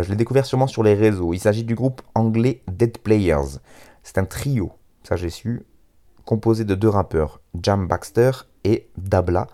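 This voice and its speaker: A man's voice: fairly low pitch, warm tone. A man with a French accent casually presenting a radio music show on his own, hesitant and self-deprecating as he goes.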